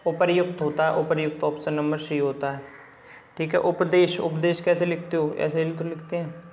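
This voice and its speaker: A man's voice: fairly high pitch, flat delivery, normal speed, a little mellow, roomy sound, slight background noise. A man teaching Hindi spelling for exams, running through a book's questions and repeating each word over and over with casual asides. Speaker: Hindi exam tutor. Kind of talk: spelling lesson walking through a book.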